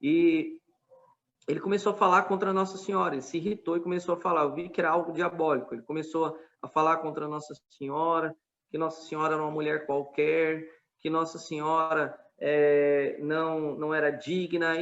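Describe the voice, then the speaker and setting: A man's voice: fairly high pitch, steady tone, a little fast, a bit bright, lo-fi sound. A man with a Brazilian Portuguese accent telling a story in a casual podcast chat, earnest and full of quoted back-and-forth. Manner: earnest, retelling a street debate with quoted dialogue.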